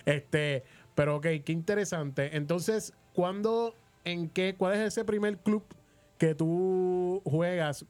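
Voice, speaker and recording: Here the sports radio host, who has a Puerto Rican accent, sounds high-pitched and darkish and speaks slowly. He interviews casually from the radio booth, chatty and prone to repeating words while shaping his sentences.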